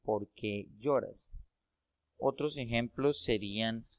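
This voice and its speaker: Slow, patient man explaining a lesson. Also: mid-range voice, no echo, muffled recording. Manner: slow, patient, repeats and checks with "¿sí?". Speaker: English teacher. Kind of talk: classroom explanation.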